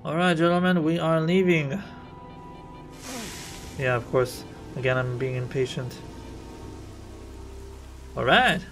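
A man's voice: fairly high pitch, steady tone, slow, long pauses, fairly bright tone, faint music behind. A man from Israel, rambling through casual gameplay commentary as a streamer and thinking aloud.

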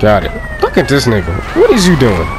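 A young man giving loud, profane, joking let's play commentary and laughing often. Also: medium pitch, wildly swooping pitch, brisk, heavy background noise. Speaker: gameplay commentator.

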